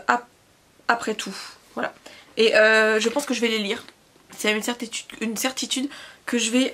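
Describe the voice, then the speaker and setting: A young woman reviewing books in a casual vlog, rambling and hesitant, full of fillers and self-corrections, and quick to poke fun at herself. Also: a little high, slight background noise. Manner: self-deprecating, laughs at herself. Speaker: book vlogger.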